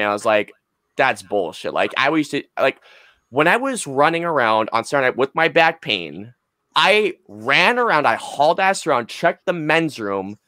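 A mid-range male voice, pushed and bright, comes through with no echo. The speaker is a podcast co-host in his twenties who chats and tells stories casually, emphatically and rambling, with lots of swearing. He records in a small room at home on a close boom-arm desk mic.

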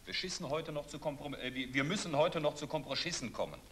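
Actor as sharp-voiced flustered male chairman. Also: fairly high pitch, fast talker, a little hiss or hum, close to an everyday voice. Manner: pleading, fussy.

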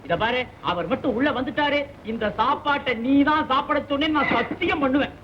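A man's voice: very high-pitched, fairly quick, slight background noise. An actor playing a sly, greedy man who mocks and orders others about, in a dull old film recording. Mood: mocking. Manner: mocking, bossy. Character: sly greedy man stealing food, cheeky. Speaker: officer posing as a postman. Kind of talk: 1950s film comedy acting.

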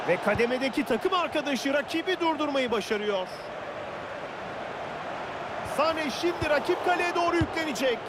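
A man giving excitable play-by-play football commentary in speech for a video game, announcing the action. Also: very high voice, fairly quick. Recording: loud stadium crowd noise behind voice. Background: roaring stadium crowd.

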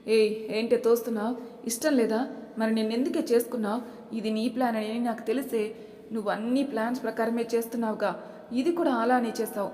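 A woman's voice: fairly high pitch, steady tone, fast talker, mellow, lightly acted. A woman voicing a bitter, domineering young husband in an audiobook, speaking in a scornful, taunting way. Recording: echoey room with long reverb.

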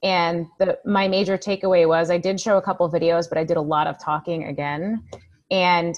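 A woman's voice: lowish voice, level tone, normal speed, muffled recording. Candid woman on a video call. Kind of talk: casual video call meeting.

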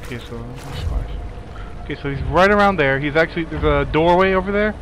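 A man's voice: fairly high pitch, fairly quick, fairly bright tone, a little hiss or hum. A young man giving casual let's play commentary, rambling and apologetic, yelping when scared.

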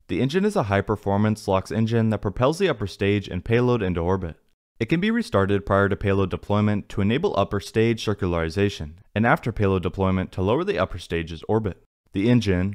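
A man narrating a technical script in an even, read-aloud manner. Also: fairly low pitch. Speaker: narrator of a space news channel. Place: voice-over, not in the pictured places.

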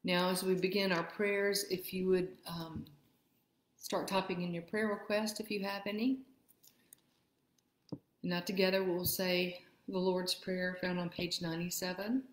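A woman leading a church liturgy, reading prayers in a measured, steady way, with a roomy church echo. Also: fairly low pitch. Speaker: worship leader. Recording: echoey room.

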